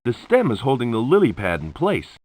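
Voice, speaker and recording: A man's voice: mid-range voice, wildly swooping pitch, brisk, darkish tone. A man playing a laid-back, wisecracking adventurer pilot in a video game. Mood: wry.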